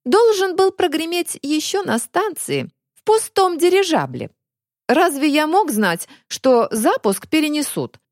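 A woman's voice: sits high, very animated, measured pace, no room sound, clean studio sound, pitched above the performer's own voice, exaggerated voice. A woman doing a sneering villainous male inspector. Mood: bitter. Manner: sneering, mocking, theatrical. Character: scornful middle-aged male inspector, cold villain.

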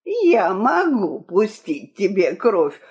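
The storyteller voicing a pompous, quick-tempered fat king in a storybook reading, shouting indignantly, on a dull lo-fi recording. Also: mid-range voice, sing-song, husky, full character voice. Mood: furious.

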